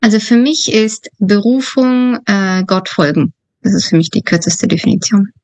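A woman's voice: medium pitch, fairly even intonation, moderate pace, a little mellow, no room sound. A woman born in Uzbekistan and raised in Germany, a missionary guest speaking thoughtfully and earnestly in a podcast interview, with some hesitations.

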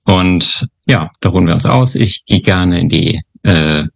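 Low gravelly quiet man. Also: a little slow. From Upper Franconia, Germany. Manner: calm, quiet, hesitant with fillers. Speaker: missionary guest. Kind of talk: podcast interview.

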